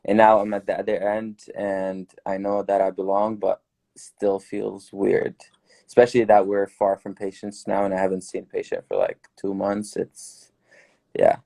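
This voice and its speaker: A young man from Syria, a newly graduated dentist, giving earnest, relaxed advice as a podcast guest. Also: fairly low pitch, normal speed, gravelly. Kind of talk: casual podcast chat.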